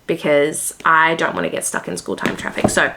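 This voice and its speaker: Australian woman, casual rambling vlogger, slightly low pitch, conversational, faint background noise. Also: sing-song, normal speed. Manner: rambling, heavy use of "like". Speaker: book vlogger and host. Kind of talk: casual, chatty vlog talk.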